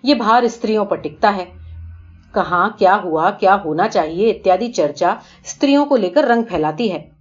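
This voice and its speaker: Brief: woman storyteller, steady expressive reading; dull lo-fi recording. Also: mid-range voice, breathy edge, soft background music. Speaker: narrator.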